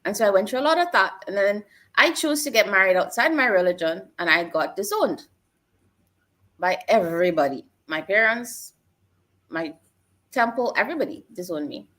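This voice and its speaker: With a medium pitch, an animated delivery and a moderate pace, her voice comes across pushed and bright. She is a middle-aged Trinidadian guest recounting her life in a reflective interview, speaking earnestly and personally, with phrases that recur.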